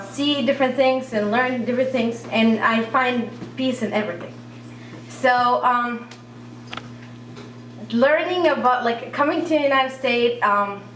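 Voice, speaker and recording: A young woman, a native Arabic speaker who grew up in Iraq, telling her own story on a cafe stage, talkative and halting with lots of fillers. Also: on the high side, fairly bright tone, slight background noise. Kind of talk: live personal storytelling. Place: cafe stage at a live event. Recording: roomy cafe, speaker far from mic.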